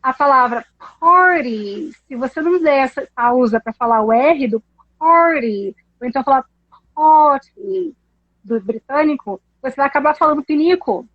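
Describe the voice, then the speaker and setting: A woman, an English teacher explaining pronunciation in a casual chat, animated and laughing often. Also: high voice, brisk, no room sound, dull audio.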